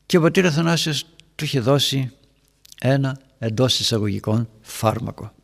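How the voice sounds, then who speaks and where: Gravelly-voiced priest in an echoing hall. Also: male voice, medium pitch, animated. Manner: storytelling, acting out dialogues in raised voices; addresses listeners warmly as dear ones. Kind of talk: homily to a parents' group. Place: church hall. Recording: long church-hall reverb.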